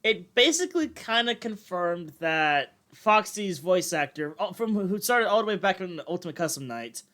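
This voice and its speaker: A man's voice: high-pitched, very animated, normal speed, a bit bright. A young man co-hosting a casual podcast chat with friends, rambling with lots of fillers and restarts. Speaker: podcast co-host.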